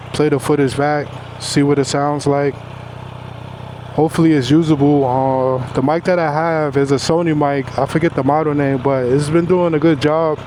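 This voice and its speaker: A man's voice: on the high side, darkish tone, slight background noise. A man vlogging casually to his viewers outdoors at the roadside, talking through his thoughts. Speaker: motovlogger. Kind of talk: casual chat, summing up a gear test.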